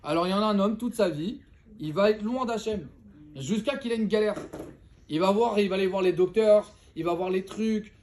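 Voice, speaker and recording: A man teaching a casual Torah lesson, telling a parable in an animated, slangy way and joking with his listeners. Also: high-pitched, normal speed, slight background noise.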